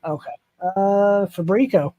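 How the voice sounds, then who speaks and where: A man chatting casually, dropping quick joking interjections. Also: sits high, no room sound, muffled recording. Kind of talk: casual chat.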